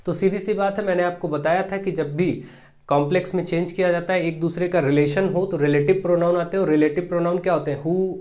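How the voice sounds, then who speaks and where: A man, teaching as he works through an exam paper step by step, slowing down to read each question aloud. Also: high-pitched, steady tone, a little mellow. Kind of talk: exam paper walkthrough lesson.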